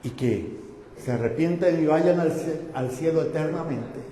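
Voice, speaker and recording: Male pastor, high voice, fervent sermon, long church reverb. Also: measured pace, a little hiss or hum. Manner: fervent preaching, building to loud exclamations. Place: church sanctuary. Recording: echoey church hall.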